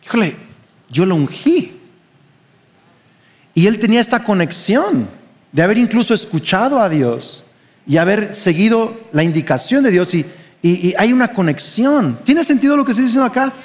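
Male pastor, Mexican Spanish accent, high voice, conversational sermon with questions, long reverb. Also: animated, a little fast. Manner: conversational, asks the congregation questions.

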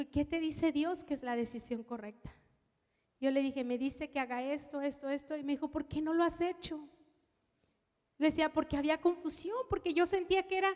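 A woman preaching a personal testimony, telling her story with strong emotion and dropping to a hush at tender moments. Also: high voice, in a large hall. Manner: emotional storytelling, shifts from loud to hushed. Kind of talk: testimony sermon.

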